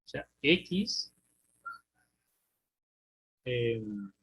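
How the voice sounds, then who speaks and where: A man's voice: mid-range voice, sing-song, drawn-out words, a bit bright, slightly rough, low-quality recording. A man with a Honduran Spanish accent teaching a recorded lesson, thinking aloud through a problem and asking students check questions. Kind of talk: recorded math and physics lesson.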